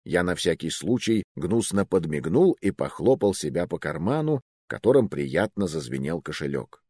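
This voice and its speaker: A man reads an audiobook aloud in an expressive, wry manner. His voice sits low yet moves with lively swings of pitch. The recording is dry and close, with no room sound. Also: normal speed, breathy edge, no room sound. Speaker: narrator. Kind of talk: audiobook narration.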